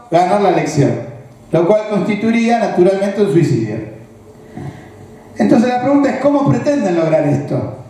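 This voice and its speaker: A man's voice: high voice, mellow. A man with a Rioplatense Argentine accent giving a political analysis speech, explaining step by step and checking that his listeners follow. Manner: explanatory, asks the audience rhetorical check-in questions. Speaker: political speaker. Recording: very echoey, roomy recording.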